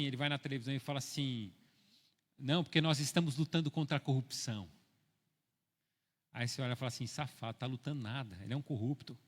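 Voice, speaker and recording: A middle-aged Brazilian man preaching a sermon, telling stories with an ironic humor and moving from soft asides to loud, forceful preaching. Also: medium pitch. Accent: Brazilian Portuguese. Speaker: pastor. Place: church hall. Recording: long church hall reverb.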